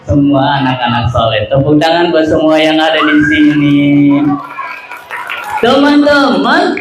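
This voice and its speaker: A man telling stories to children at a live event, leading playful call-and-response, with sudden shouts and silly voices. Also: a little high, level tone, moderate pace. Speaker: children's storyteller. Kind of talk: lively storytelling for children at an event. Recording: very echoey hall with background noise.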